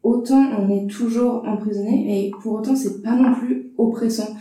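A woman's voice: fairly high pitch, steady tone, moderate pace, mellow, recorded from a distance. Hesitant woman in an echoey room. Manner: hesitant, many fillers. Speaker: film critic panelist. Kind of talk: casual discussion.

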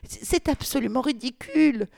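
A woman voicing a frightened young woman who pleads in a high voice. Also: moderate pace, gravelly, darkish tone, dry recording, clean studio sound. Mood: pleading.

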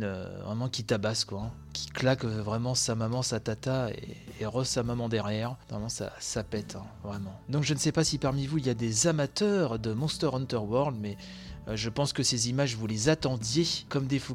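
A man hosting a video game news show from home, commenting live on trailers in a casual, excited, slangy way. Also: mid-range voice.

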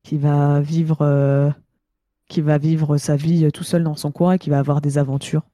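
Casual podcast panelist: woman, twenties, hoarse gravelly voice from a cold, mellow dark tone, close dry sound. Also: low-pitched, flat delivery, normal speed, dry recording. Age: 20s. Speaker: podcast panelist reading out reviews. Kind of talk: casual chat.

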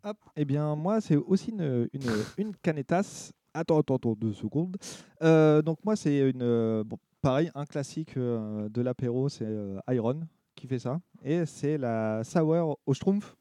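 A man's voice: medium pitch, expressive, measured pace, hardly any pauses, mellow, no room sound. A man presenting a beer in casual chat, stop-start and hesitant.

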